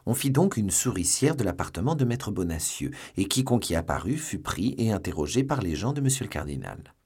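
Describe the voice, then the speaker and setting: A man narrating a classic novel as an audiobook, in an expressive storytelling manner. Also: on the low side, a little fast, slightly rough.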